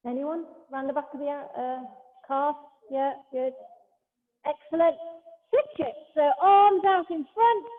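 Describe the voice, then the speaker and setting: A high-voiced woman talks a Pilates class through each move, calm and step by step, chatting between cues. Her voice rings with a long hall echo and comes through a thin, phone-like line. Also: unhurried. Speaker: Pilates instructor. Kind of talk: guiding an exercise class. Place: large hall, class streamed over a video call.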